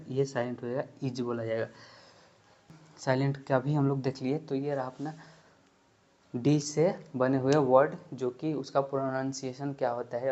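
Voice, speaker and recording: A man's voice: mid-range voice, darkish tone. Man teaching pronunciation, Hindi accent. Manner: explains step by step, repeats words and checks understanding. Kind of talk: spoken English lesson. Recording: dull lo-fi recording.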